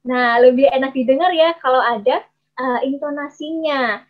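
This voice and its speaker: High-voiced woman teaching storytelling. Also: normal speed. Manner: explanatory, with frequent hesitation fillers; addresses listeners as friends. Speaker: storytelling trainer. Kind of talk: workshop presentation. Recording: slightly dull lo-fi audio.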